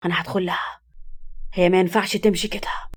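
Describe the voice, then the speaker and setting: A woman's voice: fairly low pitch, fairly even intonation, fast talker, breathy edge. A woman voicing a worried, tender young husband in an Egyptian Arabic accent, with little change from her narrating voice. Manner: tender, urgent.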